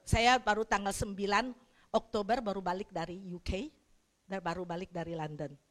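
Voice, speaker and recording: A middle-aged woman pastor preaching a sermon bluntly, now and then breaking into loud shouts. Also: mid-range voice, fairly even intonation, moderate pace. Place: church hall, livestreamed.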